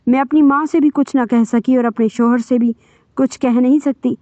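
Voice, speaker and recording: A woman voicing a hurt, defiant young bride who shouts in anguish, in a dull, dry recording. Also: on the high side, expressive, dry recording, lightly acted. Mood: shouting.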